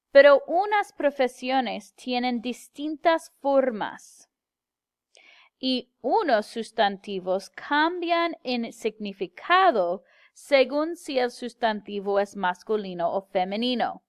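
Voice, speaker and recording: Slow, clear-spoken woman teacher. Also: on the high side, dry recording, studio quality. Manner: slow, careful, clearly enunciated explanation with English glosses. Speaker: Spanish teacher. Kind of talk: slow classroom grammar lecture.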